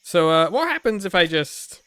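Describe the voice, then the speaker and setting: A man's voice: sits high, very animated, moderate pace, sharp tone, slight background noise. A man giving playful, informal commentary while playing a video game. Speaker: gamer hosting a playthrough.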